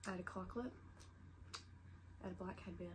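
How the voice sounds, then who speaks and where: A young adult woman vlogger with a stuffy head cold sits on her bed, rambling through a casual show-and-tell chat full of "like." Her voice is lowish, steady in tone, and fairly quick. The camera sits low in front of her, and this home recording is noisy.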